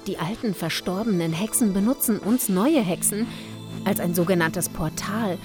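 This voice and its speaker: A woman playing an odd young woman who collects occult objects, speaking in a calm, hushed, instructive way in a horror audio drama, with music underneath. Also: mid-range voice, moderate pace, close to an everyday voice. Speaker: Kathy.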